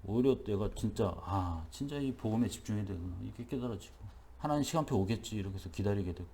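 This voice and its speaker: A man's voice: fairly low pitch, animated, fast, creaky, mellow, a little hiss or hum. A man preaching a dawn worship sermon as pastor in a church, talking in an emphatic, repetitive, conversational way.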